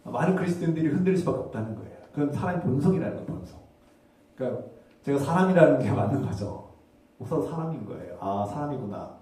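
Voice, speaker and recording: A man's voice: on the high side, animated, rapid-fire, dark tone. Preaching man in a very echoey church. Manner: earnest preaching with rhetorical questions to the congregation. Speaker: pastor. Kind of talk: sermon. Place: church sanctuary. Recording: very echoey hall, heard from a distance.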